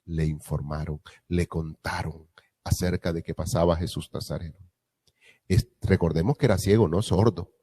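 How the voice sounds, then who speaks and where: Low, dark-voiced male preacher meditating. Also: normal speed, slightly rough. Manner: reflective, with rhetorical questions and repetition. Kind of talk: gospel reading and meditation.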